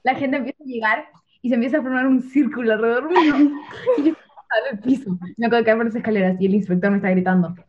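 A young woman telling a funny story among friends, animated and laughing as she goes. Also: on the high side, rapid-fire. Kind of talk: casual chat. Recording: dull lo-fi sound with faint noise.

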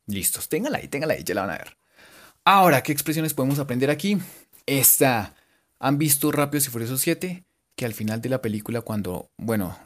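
Animated man teaching English. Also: medium pitch. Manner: lively and joking, repeats English words slowly. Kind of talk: casual bilingual language lesson.

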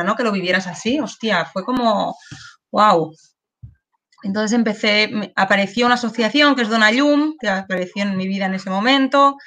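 A woman's voice: medium pitch, a bit bright. A woman, a guest in an interview, speaking candidly and emotionally with many restarts and tag questions. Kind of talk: personal testimony in an interview.

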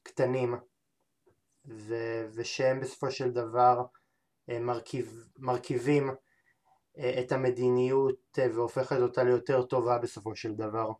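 Male podcast host, mid-pitched, hesitant and halting, constantly filling pauses and restarting. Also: little pitch movement, darkish tone. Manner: hesitant, many filler sounds and restarts. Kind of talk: interview conversation.

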